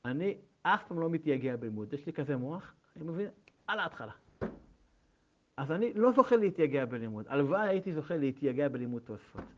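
A man doing a humble old rabbi who speaks gently and earnestly. His voice sits fairly high, and the recording sounds dull and lo-fi. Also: very animated, slight background noise.

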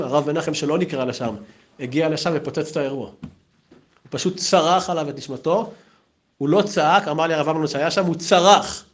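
A man giving an anecdotal memorial talk as a yeshiva teacher, telling stories in a lively way. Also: medium pitch. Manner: lively, storytelling, acts out quotes.

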